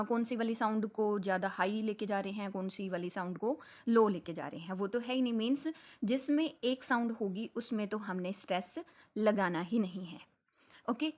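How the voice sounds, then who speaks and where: A young woman who speaks Hindi as her teaches a lesson. Her voice sits a little on the high side. She explains patiently and conversationally, switching freely between Hindi and terms. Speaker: English teacher. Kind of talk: explanatory lecture.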